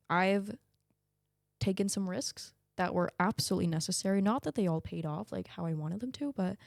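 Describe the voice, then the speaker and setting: This clean, echo-free studio clip features a young Danish-speaking woman guest with a medium-pitched voice. She chats candidly and with animation in a casual interview, laughing often.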